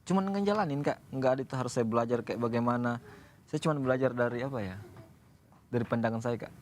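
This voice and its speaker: A man from Indonesia, a single father, talks casually as a radio guest, pausing and restarting as he searches for words. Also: medium pitch, slight background noise. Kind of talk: casual interview talk. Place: radio studio.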